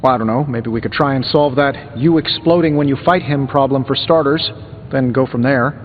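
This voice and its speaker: A man's voice: mid-range voice, fairly quick, slight background noise, lightly acted. A man voicing a wisecracking genius inventor superhero in a video game, with an American accent and a glib, sardonic, conversational manner. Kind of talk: video game dialogue acting. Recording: muffled game audio, long reverb, music behind.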